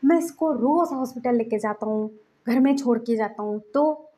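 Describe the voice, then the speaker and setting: A woman's voice: a little high, moderate pace, warm tone, lightly acted. A woman voicing an earnest lovestruck young man who pleads and protests in casual slang. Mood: earnest, protesting.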